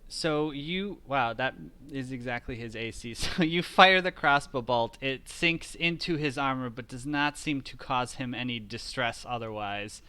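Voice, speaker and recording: A man running an online tabletop game as game master, relaxed and chuckling, with hesitant fillers. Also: medium pitch, a little slow, few pauses, smooth.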